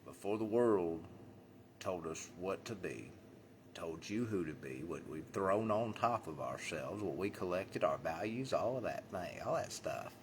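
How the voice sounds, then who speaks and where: Deep-voiced man rambling a spiritual talk. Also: lively intonation, unhurried, a little hiss or hum. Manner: swings between loud bursts and mumbled asides; blunt, jokey, colloquial. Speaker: spiritual vlogger.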